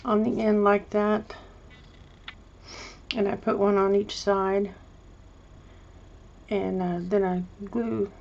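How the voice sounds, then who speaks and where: A woman chatting through a paper craft project, her voice gravelly and fairly flat, wandering from one thought to the next. The recording is a little dull, with a faint hiss underneath. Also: mid-range voice, slow pace, long pauses. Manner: rambling, hesitant, chatty with many restarts. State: mouth full of candy. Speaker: crafting vlogger. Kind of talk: casual show-and-tell craft video.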